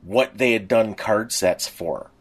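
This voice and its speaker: Slow and on the low side, the voice belongs to a middle-aged podcast co-host. He reminisces casually, talking at length and wandering from anecdote to anecdote.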